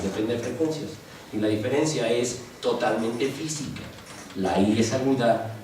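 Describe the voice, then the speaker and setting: A Mexican man lecturing a class, loose and talkative, tossing in asides and quick "right?" checks. He stands well back from the mic in a very echoey classroom, with a faint hiss under him. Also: mid-range voice, darkish tone, far from the mic. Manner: chatty teaching with asides and rhetorical checks. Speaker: linguistics lecturer. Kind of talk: university lecture. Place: university classroom.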